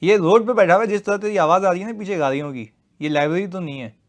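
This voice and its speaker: Live online class में ऊँची आवाज़ वाला पाकिस्तानी उर्दू लहजे का पुरुष शिक्षक. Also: male voice, high-pitched, quick pace. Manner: lively, teasing, switches between loud emphasis and quiet asides. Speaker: teacher. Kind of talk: live online class.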